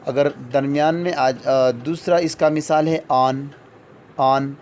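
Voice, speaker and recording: A man teaching a lesson on vowel sounds, speaking slowly and repeating each example word, then spelling it out. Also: fairly high pitch, steady tone, a little mellow, slight background noise. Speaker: English teacher.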